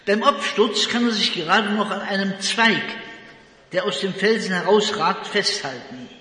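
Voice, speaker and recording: A man preaching a sermon in a slow, deliberate and emphatic way, recorded in a large reverberant hall. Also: sits high, sharp tone.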